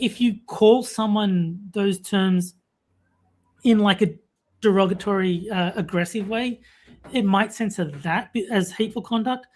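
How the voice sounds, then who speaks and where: An Australian woman with a mid-range, darkish voice co-hosts a casual talk stream, chatting with plenty of fillers. As the podcast co-host handling chat, she reads viewer comments aloud.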